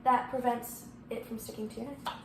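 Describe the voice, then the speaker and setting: A woman with a high voice walks through a recipe in a casual tutorial style. She gives instructions in short, halting pieces. The room is echoey, with clear background noise. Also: little pitch movement. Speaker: home baking presenter. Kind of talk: casual step-by-step cooking tutorial. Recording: roomy echo, clearly noisy background.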